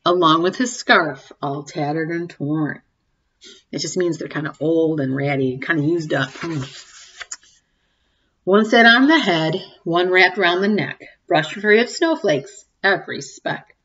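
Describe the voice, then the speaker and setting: A teacher in her forties reads a picture book aloud to young children, her slightly low voice carrying a breathy edge. She goes very slowly, pausing to ask questions and make expressive, child-directed comments. The slightly dull sound suggests a webcam or laptop mic at desk distance in a home room.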